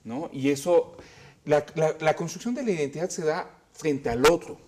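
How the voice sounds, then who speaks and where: A man's voice: on the high side, normal speed, a little mellow. A man speaking as an academic panelist, thoughtful with some hesitation. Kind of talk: panel discussion.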